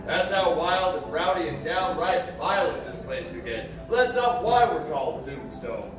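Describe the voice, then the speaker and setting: A man's voice: on the high side, expressive, normal speed. A man hosting a live Old West show, telling stories to the audience in a folksy, rowdy theatrical manner. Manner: folksy, rowdy showman projecting to the crowd. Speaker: live show host and storyteller. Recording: very echoey, distant, music behind.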